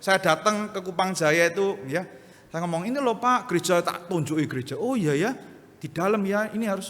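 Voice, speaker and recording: A high-voiced man preaches a sermon with an East Javanese accent, his tone bright and animated as he acts out characters in his anecdotes. The sound carries the long reverb of a church hall. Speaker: pastor. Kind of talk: sermon with storytelling.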